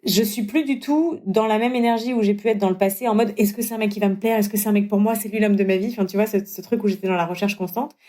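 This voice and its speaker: A young woman tells her own story in a relaxed podcast chat. Her pitch sits in the middle, and she jumps up high when she mimics people or gets worked up. The delivery is animated and casual. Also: quick pace, hardly any pauses. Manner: animated, acts out dialogue with big pitch jumps. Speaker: guest telling her story.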